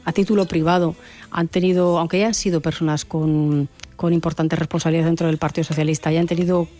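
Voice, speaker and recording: A politician speaks in a formal, measured way with a flat, level pitch. Soft music plays faintly behind the clip. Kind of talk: formal statement.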